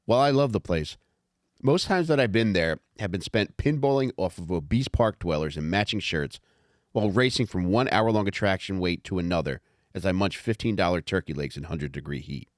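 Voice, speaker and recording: On a podcast, a man with a deep voice talks candidly and informally, rambling a bit and reading out commentary he wrote himself. He's animated and brisk, and the audio is studio quality with no room sound.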